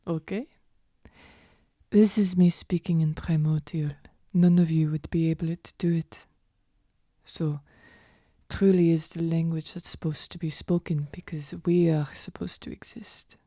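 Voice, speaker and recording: A woman playing a smug, haughty elemental being in a tabletop game, deadpan and self-satisfied. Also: deep voice, a little slow, no room sound, clean studio sound. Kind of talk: tabletop role-play in character.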